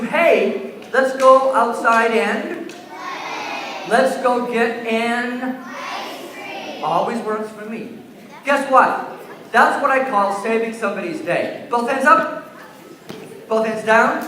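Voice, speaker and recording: A man's voice: high voice, very echoey, background noise. A man presenting a school assembly to young children, telling a story and asking the kids questions, recorded in a large gym by a far-off camera. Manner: asks the children questions and takes answers.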